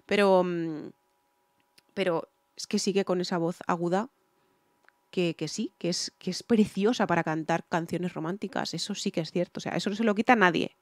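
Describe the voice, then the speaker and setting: A woman's voice: lowish voice, steady tone, moderate pace, no echo. Emphatic woman. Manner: repetitive, emphatic, repeats phrases for stress. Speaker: singer reviewing songs. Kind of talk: casual reaction and vocal analysis. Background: faint music from the reacted song.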